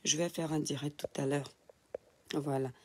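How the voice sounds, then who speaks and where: A woman's voice: low-pitched, fairly even intonation, normal speed, a little hiss or hum. A woman, just awake, on an audio-only phone live stream, affectionately greeting viewers by name and reading their comments with hesitant fillers. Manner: affectionate, calls viewers "my star", reads names with hesitant fillers. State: just woken up.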